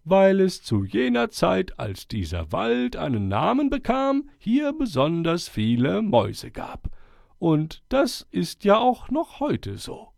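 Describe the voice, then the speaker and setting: A man voicing a wise, friendly old male owl who chairs a forest meeting, speaking slowly and stately with hooting calls. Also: sits high, huge pitch swings, creaky, darkish tone, no room sound, clean studio sound, pitched above the performer's own voice, exaggerated voice. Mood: instructive. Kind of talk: storybook character voice.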